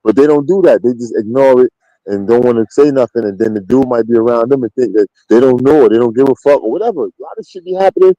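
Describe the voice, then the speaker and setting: An interview guest from Queens with a New York accent tells casual street stories in a blunt, slangy, emphatic way. He talks fast in a dark, mid-range voice, and the recording is muffled with no echo.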